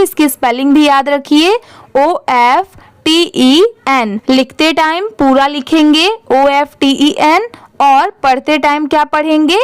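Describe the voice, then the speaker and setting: A woman's voice: sits high, dry recording. A woman teaching English reading, spelling words out letter by letter and asking questions she answers herself. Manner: spells words letter by letter, then says them slowly; asks learners questions and answers them herself. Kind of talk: slow spelling-out reading lesson.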